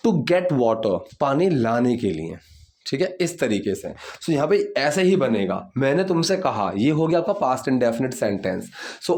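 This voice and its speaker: A man teaching English grammar, explaining step by step and repeating example sentences slowly. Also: on the high side, darkish tone. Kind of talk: bilingual grammar lesson.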